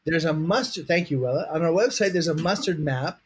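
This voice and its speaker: Husky-voiced man in playful casual chat. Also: on the high side, brisk. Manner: playful, hesitant phrasing with repeated words. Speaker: guest, mustard maker.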